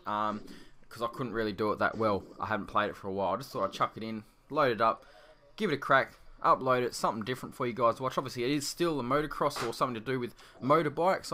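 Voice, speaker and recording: A man's voice: mid-range voice, sharp tone. A man in his twenties with an Australian accent, chatting loosely about an old game in a rambling, laid-back way, his voice echoing in a nearly empty room at home. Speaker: gaming video creator. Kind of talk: casual gameplay commentary.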